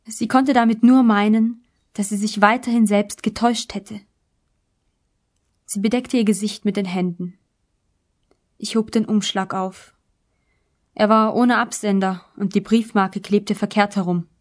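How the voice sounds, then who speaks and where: A woman narrating a literary novel in the first person, in a measured, calm audiobook reading. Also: mid-range voice.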